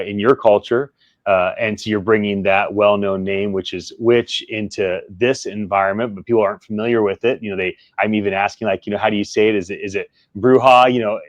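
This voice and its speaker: A man's voice: on the low side, dry recording. A man hosting an interview, asking long, searching questions full of fillers and restarts. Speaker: podcast host.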